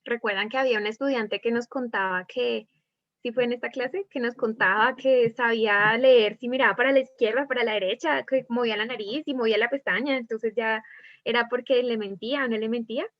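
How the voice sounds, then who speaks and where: A woman's voice: fairly high pitch, fairly even intonation, a little fast, no echo. Colombian woman teaching an online class. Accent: Colombian Spanish. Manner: asks students many questions, demonstrates tones of voice. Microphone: video call. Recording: dull lo-fi video call audio.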